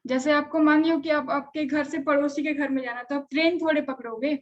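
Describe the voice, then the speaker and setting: High-pitched woman teaching chemistry, muffled. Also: fairly even intonation, brisk. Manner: conversational, checks on students often. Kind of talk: live online class lecture.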